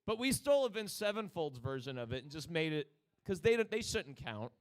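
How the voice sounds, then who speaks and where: A man's voice: fairly high pitch, big pitch swings, a little fast. Rambling, joking man with a New Jersey accent. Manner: rambling, joking, with exaggerated quoted voices. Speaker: podcast co-host. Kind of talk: casual chat about metal albums.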